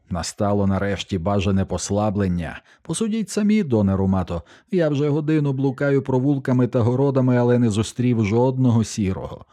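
A man playing a drunken, gushing young nobleman, high-pitched. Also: warm tone. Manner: gushing, effusive, tipsy.

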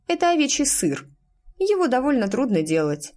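A shy, plain-spoken farm girl witch, as a woman reader puts her on, quiet and unsure, pitched a little above the reader's own voice. She answers simply and slowly, in a storybook reading. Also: big pitch swings. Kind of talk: audiobook character voice.

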